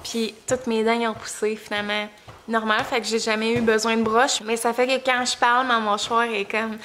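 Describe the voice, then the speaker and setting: A woman's voice: a little high, level tone, normal speed, fairly bright tone, a little hiss or hum. A young woman with a Quebec French accent chats casually in a vlog, her articulation slightly off as if she has just bitten her tongue and it has swollen. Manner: informal, chatty storytelling. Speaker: vlogger and mother.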